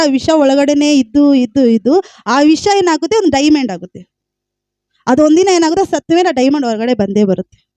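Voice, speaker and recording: A woman's voice: sits high, dark tone, no room sound. A woman preaching a sermon with a Kannada accent, emphatic, repeating phrases and calling out hallelujah.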